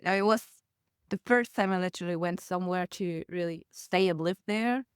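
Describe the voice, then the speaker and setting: Young woman, smooth clear voice, dry close sound, casual storytelling. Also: on the low side, normal speed, dry recording. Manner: storytelling with laughs and acted quotes. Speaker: podcast guest. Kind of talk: casual conversational interview.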